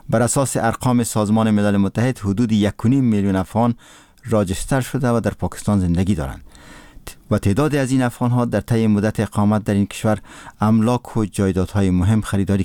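A man anchors a radio news bulletin, reading in a measured, formal way. His voice sits low and warm, and the recording is dry and close. Each sentence is delivered evenly and deliberately. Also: no echo. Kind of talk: read news presentation.

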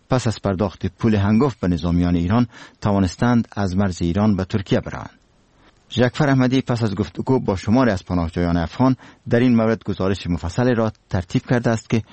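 Low, mellow Afghan radio presenter, male. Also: dry recording. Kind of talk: scripted radio news presenting.

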